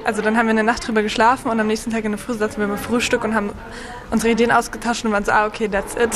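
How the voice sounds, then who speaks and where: Flat-voiced woman, hesitant with fillers. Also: fairly high pitch. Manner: hesitant, many fillers, mixes in English. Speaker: workshop participant.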